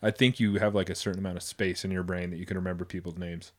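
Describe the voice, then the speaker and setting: A middle-aged man hosting a podcast in casual chat, swearing freely and talking briskly. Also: sits low, flat delivery. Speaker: podcast host.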